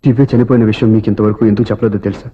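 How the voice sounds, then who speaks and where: An actor playing a gentle, grieving young widower who pleads softly and earnestly. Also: male voice, on the low side, fairly even intonation, very fast, husky, muffled recording. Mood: grieving, pleading.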